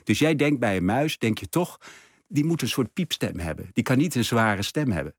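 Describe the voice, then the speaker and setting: A man's voice: mid-range voice, animated, moderate pace, husky, no echo. Enthusiastic man explaining in a dry studio. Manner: enthusiastic explaining, many fillers and restarts. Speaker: exhibition curator, guest. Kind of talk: radio interview. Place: radio studio.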